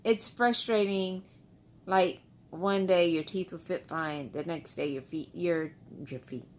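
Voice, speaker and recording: A woman vlogger tells a casual storytime to her followers, speaking slowly in a fairly low voice close to the mic. She sounds frustrated and repeats herself, and her speech is that of someone wearing loose dentures without adhesive.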